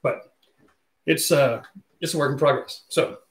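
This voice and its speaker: Speaking unhurriedly in a slightly high voice, a forties-aged man runs a casual livestream, talking with viewers and reading out their comments. He's in an echoey home studio room with a studio mic mounted on a boom arm.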